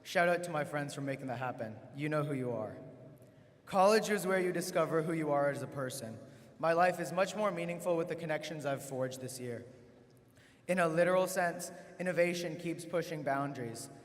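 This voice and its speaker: Higher-pitched teenage male podium speech, heavy hall reverb. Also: a little fast. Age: late teens. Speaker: student valedictorian. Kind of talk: podium speech, formal graduation address.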